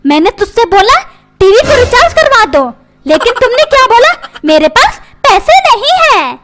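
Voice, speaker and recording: A woman's voice: very high voice, sing-song, normal speed, very noisy. A woman voicing a nagging, quarrelsome mother in a cartoon, complaining to her husband and doting on her son. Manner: complaining, demanding, repeats questions. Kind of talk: cartoon comedy voice acting. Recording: background music.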